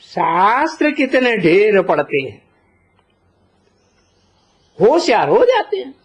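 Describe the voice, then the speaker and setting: A man giving a slow spiritual discourse as a teacher, deliberate and posing rhetorical questions to his listeners. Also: high-pitched, very animated, slightly rough. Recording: dull lo-fi recording.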